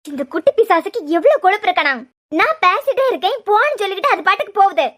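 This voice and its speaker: A cruel, scheming young bride-to-be from a cartoon serial, voiced by a woman, speaking in a Kanyakumari Tamil accent. Her voice sits very high and shrill. She scolds and threatens in a sneering, bossy way. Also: very animated, quick pace, a bit bright, full character voice.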